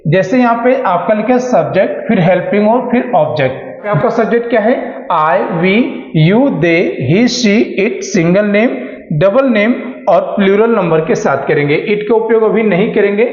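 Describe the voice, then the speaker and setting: A man with a high voice teaches a beginners' spoken English class. He asks himself questions, answers them, and stretches out each English example slowly. The sound is dull and carries a long echo. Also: animated. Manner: slow, drawn-out English examples, asking and answering his own questions.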